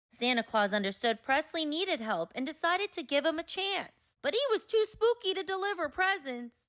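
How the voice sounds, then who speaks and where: Reading a children's picture book aloud, a woman whose voice sits high brings expressive, dramatic storytelling to it.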